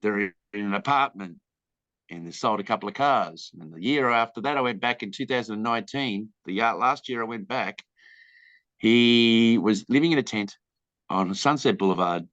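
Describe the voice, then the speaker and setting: Here the same Australian director sounds somewhat low-pitched and slightly bright, talking at a moderate pace. He rambles frankly through interview answers, voicing the people he quotes. Audio is dry, dull and lo-fi.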